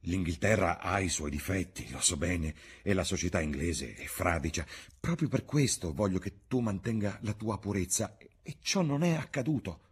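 A man's voice: deep voice, animated, normal speed, slightly rough, pitched above the performer's own voice, full character voice. A man reading aloud and voicing a grave, troubled middle-aged painter who speaks earnestly and pleads. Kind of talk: audiobook reading.

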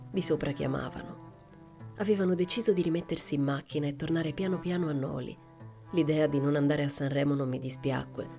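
A woman reading a novel aloud in a calm, measured way, lightly voicing the dialogue. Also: deep voice. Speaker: audiobook reader.

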